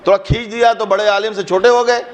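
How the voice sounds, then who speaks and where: A man's voice: sits high, steady tone. A man, a cleric giving an impassioned mourning sermon at a mosque gathering, who asks rhetorical questions and rises into a fervent recited couplet.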